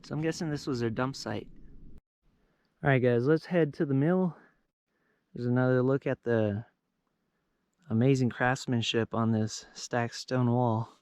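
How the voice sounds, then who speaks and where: A young man narrating to his viewers in a casual, chatty way while out on a remote mountain slope. His voice sits at an ordinary middle pitch, and he walks through each thing he finds with easy explanations. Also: fairly even intonation, measured pace, long pauses, a little mellow, clean tone, dry recording. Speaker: outdoor explorer and vlogger.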